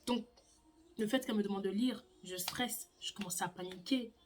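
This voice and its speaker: A young woman vlogger telling a personal story in a casual, animated way, sometimes stammering. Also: mid-range voice, normal speed, soft background music.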